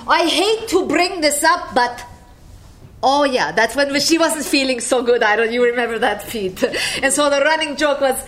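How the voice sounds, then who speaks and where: In casual storytelling to a gathering, this woman recalls a friend through wandering tales, her Icelandic accent clear and her chuckles frequent. Her voice is high with a fairly bright tone, delivered at a moderate pace.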